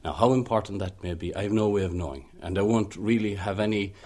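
A man answers interview questions as a field researcher, speaking in a measured, cautious way. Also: lowish voice, a little mellow. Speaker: researcher recording a site.

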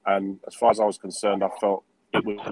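A man with a fairly low voice and a dry sound talks as a remote guest. He is measured and polite, speaking like a team manager giving an account. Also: monotone, darkish tone, dry recording, poor audio. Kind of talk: remote interview. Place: on a train, remote call.

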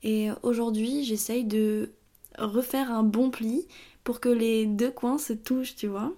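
A young woman hosting her own podcast, talking through her thoughts in a tired, halting way with many fillers and restarts. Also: a little high, steady tone, dark tone. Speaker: podcast host. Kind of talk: casual personal monologue.

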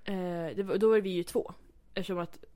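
A woman's voice: lowish voice, fairly even intonation, mellow. Young woman, casual chat, storytelling, many fillers. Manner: chatty storytelling, acts out quotes, many fillers.

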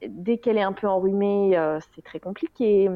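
Woman guest, 30s, halting and wry, dry and slightly muffled sound. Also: mid-range voice, no room sound. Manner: hesitant, many fillers, wry self-mocking humor. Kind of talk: candid interview. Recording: slightly dull dry recording.

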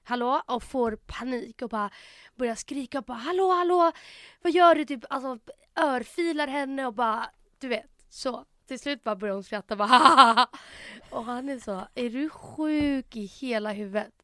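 A woman's voice: fairly high pitch, few pauses, pushed and bright, dry recording, studio quality. A young Swedish-speaking woman co-hosting a podcast, telling a story animatedly in casual chat and acting out the quotes. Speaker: podcast co-host.

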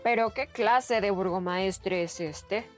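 A woman's voice: medium pitch, slow, faint music behind, natural voice. A woman voicing a boastful, grumbling male farmer in a children's storybook. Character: grumbling greedy middle-aged male farmer.

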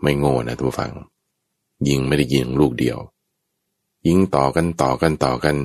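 A man's voice: a bass voice, normal speed, gravelly, darkish tone, no echo. A man telling an old folk tale with animation, often speaking straight to his listeners. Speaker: storyteller.

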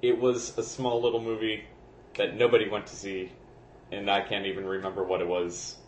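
A man's voice: fairly low pitch, flat delivery, a little fast. A man co-hosting a podcast, chatting and explaining with lots of fillers. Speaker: podcast co-host. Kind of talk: casual chat. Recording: roomy echo with faint noise.

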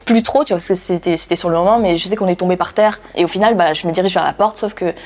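Young woman, personal testimony, halting, lots of fillers and restarts. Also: on the low side, darkish tone. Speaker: interviewee telling her story.

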